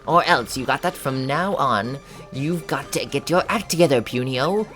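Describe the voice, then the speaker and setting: A man voicing a stern old woman elder who scolds and lectures in a gruff way in a video game. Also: medium pitch, animated, normal speed, fairly bright tone, soft background music, lightly acted.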